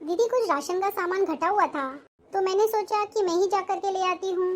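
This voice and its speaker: Young sister-in-law, sly and lazy, sweet-talks her way out , played by an actress; very high voice. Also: moderate pace. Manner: sweet-talking, making excuses. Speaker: actor. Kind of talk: family drama acting.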